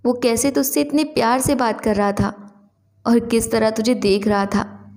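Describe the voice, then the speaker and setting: A woman's voice: fairly high pitch, steady tone, measured pace, darkish tone. A woman voicing a playful, melodramatic young woman teasing her best friend in a story.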